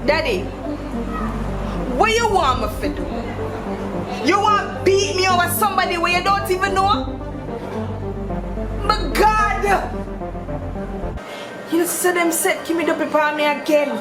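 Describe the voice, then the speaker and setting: A woman's voice: very high voice, animated, a little slow, pauses often. A woman playing a defiant teenage daughter at wits end, exasperated and pleading with her father in a Jamaican accent, in a drama. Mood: indignant, exasperated. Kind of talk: dramatic acting in Jamaican Patois. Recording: roomy echo, music laid over dialogue.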